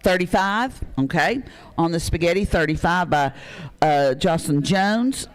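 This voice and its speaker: A man runs a local charity auction. He reads off bids, donors and items in a folksy, chatty way, often pausing on fillers. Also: fairly high pitch, lively intonation, clear, resonant tone. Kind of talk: live charity auction announcing.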